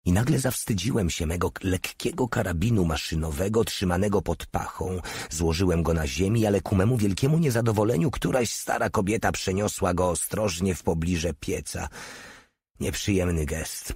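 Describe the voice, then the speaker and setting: A deep, husky man narrates a scripted audiobook in a darkish tone. The sound is clean studio audio with no room sound.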